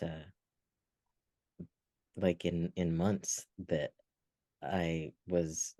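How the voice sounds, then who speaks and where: A man's voice: low voice, mellow, no room sound. A man co-hosting a podcast, telling a personal story in an earnest, reflective way with frequent restarts. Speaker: podcast co-host. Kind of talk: casual podcast chat.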